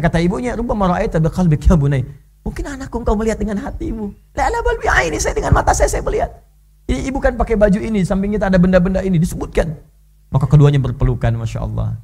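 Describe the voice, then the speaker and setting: A man giving an animated sermon in a mosque, telling stories with lively dramatic delivery and an Indonesian accent. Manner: animated storytelling, leaps high when voicing characters. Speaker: preacher.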